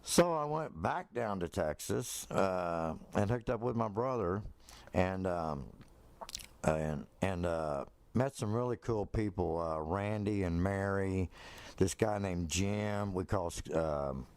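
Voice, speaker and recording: A man's voice: sits low, lively intonation, slow pace, a little mellow. A middle-aged man casually telling rambling stories from his past, with lots of fillers and restarts. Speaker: storyteller. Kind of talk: casual spoken reminiscence.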